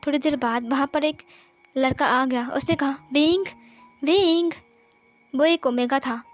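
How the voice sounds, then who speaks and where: A woman's voice: sits high, steady tone, moderate pace, soft background music. A woman narrating a fan fiction story in a casual retelling style.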